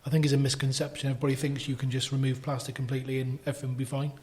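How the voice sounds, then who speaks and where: Man, quick talker, mid pitch, chatty storyteller, podcast co-host. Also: little pitch movement, a little mellow, slight background noise. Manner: chatty anecdote teller. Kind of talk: casual podcast chat.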